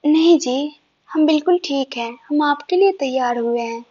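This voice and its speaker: A woman voicing a shy, sweet young bride who speaks softly and hesitantly, in a dull lo-fi recording. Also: sits high, moderate pace, close to an everyday voice. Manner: soft, hesitant, quiet.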